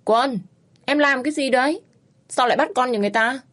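A woman's voice: high voice, fairly quick, a bit bright, voice pushed up. A woman voicing a friendly older woman street vendor who speaks in a chatty, soothing way. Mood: easygoing.

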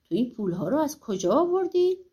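A greedy, brusque peasant man, as a woman puts him on, demands answers and calls out his wares. The voice is high for a man. It is part of a storybook reading. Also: very animated, mellow, highs cut off.

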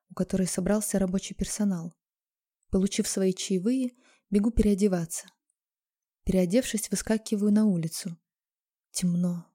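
A woman narrating a first-person story in an expressive way, sometimes dropping into a hushed whisper. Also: medium pitch. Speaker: audiobook narrator.

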